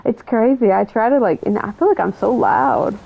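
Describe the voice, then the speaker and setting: A woman's voice: on the high side, animated, normal speed, vocal fry, husky, phone-quality sound. A woman chatting casually on a livestream while she plays a video game, rambling and self-correcting as she talks and laughing easily.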